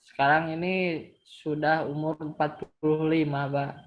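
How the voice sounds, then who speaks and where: Man acting as higher-voiced, hesitant patient, muffled audio. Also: little pitch movement, a little slow, slight background noise, close to an everyday voice. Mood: polite, hesitant. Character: polite middle-aged male patient reporting his symptoms. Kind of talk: role-played patient call. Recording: dull lo-fi call audio.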